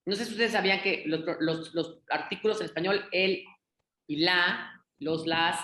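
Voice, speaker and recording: A woman's voice: fairly low pitch, normal speed, pushed and bright, reverberant. A woman with a Mexico City accent, a guest linguist explaining her points at length in a casual panel discussion. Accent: Mexico City Spanish.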